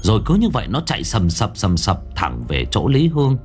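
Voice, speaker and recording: Low-voiced male horror storyteller. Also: huge pitch swings, darkish tone, soft background music. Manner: slow, dramatic, drawing out sound words. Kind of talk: scripted horror story narration.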